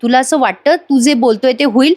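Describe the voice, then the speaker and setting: A woman voicing an older male prisoner who speaks in a measured, guarded way. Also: high-pitched, a little mellow, natural voice.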